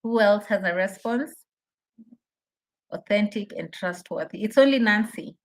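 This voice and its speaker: A woman's voice: medium pitch, animated, unhurried. A woman teaching an interactive online session as a trainer, encouraging participants, repeating her questions and checking that they follow. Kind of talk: interactive webinar teaching, reading out chat responses.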